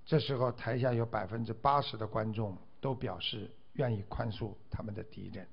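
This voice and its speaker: A man's voice: lowish voice, steady tone, normal speed, vocal fry, breathy edge. A man giving a Buddhist dharma talk, exhorting his listeners and stretching out drawn 'ah' particles between phrases. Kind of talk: sermon. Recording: dull lo-fi recording.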